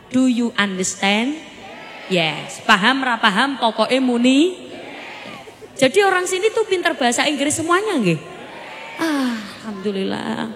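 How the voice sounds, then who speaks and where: A woman preacher giving a humorous village sermon in a lively, joking way, quizzing her audience. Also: sits high. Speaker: Islamic preacher. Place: village gathering. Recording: reverberant PA with faint crowd and noise.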